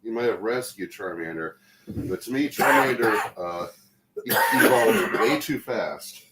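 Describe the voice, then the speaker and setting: A man's voice: lowish voice, lively intonation, unhurried. A man chatting casually as a co-host on a livestream. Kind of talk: casual chat about pop culture. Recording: echoey room with faint noise.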